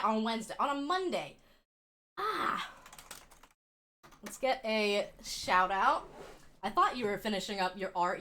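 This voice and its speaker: A woman's voice: medium pitch, fairly bright tone. A woman hosting a livestream, chatting casually to viewers in a bubbly, chirpy way. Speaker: livestream host. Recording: music playing behind the voice. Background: background music.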